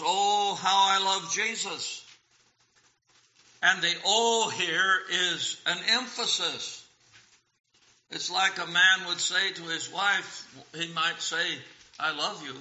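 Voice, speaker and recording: Slow, deliberate male preacher in a roomy church. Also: a little high, bright, forceful tone. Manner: slow, deliberate delivery, quoting hymns and scripture. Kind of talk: sermon on hymn lyrics. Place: church sanctuary. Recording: roomy, dull lo-fi church recording.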